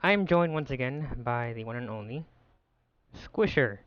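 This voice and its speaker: A man's voice: mid-range voice, expressive, a little slow, smooth, no echo, lo-fi sound. A man hosting casual racing commentary, his voice garbled by a robotic, bitcrushed digital distortion, talking loosely with fillers and restarts. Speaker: race commentator and host.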